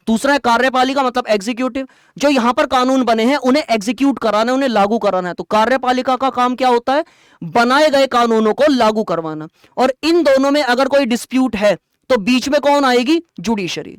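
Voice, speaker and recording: A man's voice: extremely high pitch, smooth, no room sound, clean studio sound. Male teacher quizzing his class. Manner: quizzes students with quick rhetorical questions; explains terms by repeating them plainly. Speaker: exam-prep teacher. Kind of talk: online exam-prep lecture.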